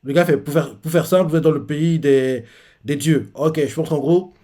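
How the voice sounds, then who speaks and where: A man's voice: fairly high pitch, moderate pace, warm tone. A man giving casual live commentary on a manga chapter, reading the characters' lines aloud with many hesitations and fillers. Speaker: manga reaction host.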